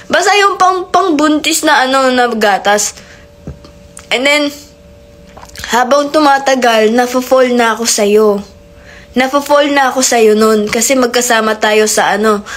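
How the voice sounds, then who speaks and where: A woman's voice: fairly high pitch, a bit bright. A woman from the Philippines hosting a live stream, telling a rambling, playful story in a casual chat that mixes in English phrases.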